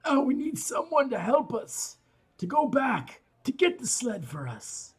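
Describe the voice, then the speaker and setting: A raspy, stocky dwarf traveller acted out by a tabletop game master makes an earnest plea in formal, old-fashioned phrases. The voice is raised and moves up and down a lot at an unhurried pace. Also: sits high, sing-song, voice pushed up, exaggerated voice. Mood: earnest pleading.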